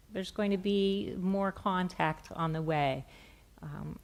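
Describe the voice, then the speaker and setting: A middle-aged woman gently and softly explaining a hands-on therapy demonstration step by step on stage. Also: on the low side. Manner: gentle, soft-spoken. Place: on a stage in a theatre, indoors.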